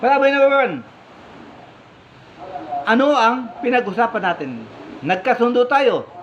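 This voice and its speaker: A man voicing a stern, fair-minded male vineyard owner who questions his workers firmly and deliberately. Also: very high voice, animated. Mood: questioning. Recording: slightly muffled, faint background hum.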